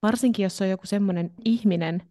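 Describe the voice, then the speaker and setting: A woman's voice: medium pitch, dark tone. A woman co-hosting a podcast, chatting playfully and mixing English phrases into her talk. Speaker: podcast co-host. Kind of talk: casual chat.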